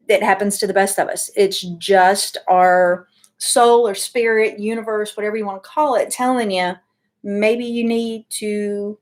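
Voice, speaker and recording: A woman giving a casual weekly oracle card reading from her home office, chatty and full of ums and asides. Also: mid-range voice. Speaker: tarot and oracle card reader.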